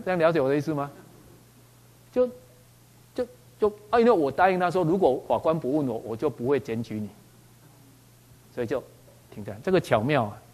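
A man with a Taiwanese Mandarin accent, a doctor telling a personal story in an animated way, often repeating words as he goes and slipping into Taiwanese phrases. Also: mid-range voice. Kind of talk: spoken personal anecdote.

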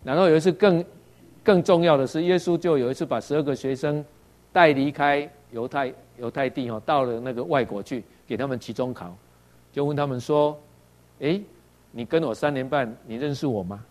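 A man's voice: fairly high pitch, brisk, a little mellow. A man from Taiwan with a Taiwanese Mandarin accent, preaching a sermon and often tagging lines with "ha" while asking his listeners questions. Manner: tags sentences with "ha" and asks the audience questions; acts out quoted dialogue in varied voices.

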